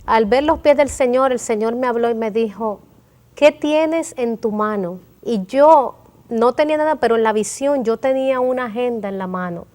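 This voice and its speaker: A woman's voice: on the high side, brisk, darkish tone. Earnest woman sharing a prayer testimony. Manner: earnest, emotional storytelling with quoted prayers. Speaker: guest.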